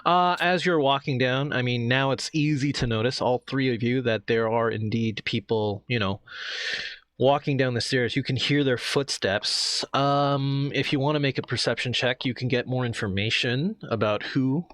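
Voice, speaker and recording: Guy gm narrating a zombie game, mid voice, chatty and halting, dry sound. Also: mid-range voice, a bit bright, dry recording. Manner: hesitant, loose and conversational, many restarts. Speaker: game master.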